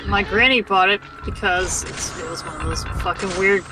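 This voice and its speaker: A woman's voice: mid-range voice, moderate pace, over music, poor audio. A woman chatting casually as a stream guest, telling a family story in a dry, matter-of-fact way. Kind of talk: casual chat.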